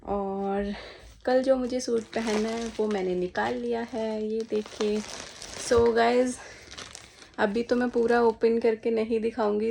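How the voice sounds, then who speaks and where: A woman's voice: mid-range voice, gravelly, dark tone, slight background noise. A young woman vlogging from her home in a chatty, casual way, talking straight to her viewers. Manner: chatty, addresses viewers as guys, talks sweetly to her small son. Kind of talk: casual chat to camera. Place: at home indoors.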